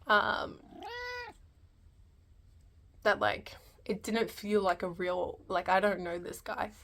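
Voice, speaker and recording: A woman's voice: mid-range voice, fairly even intonation, slow, fairly bright tone, a little hiss or hum. A woman giving a casual, unscripted film review, hesitant and rambling as she thinks aloud.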